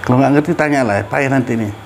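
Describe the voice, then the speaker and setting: A man's voice: mid-range voice, quick pace, slight background noise. A middle-aged man, a religious teacher, giving a casual study talk and asking his listeners questions. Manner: conversational, asks listeners questions.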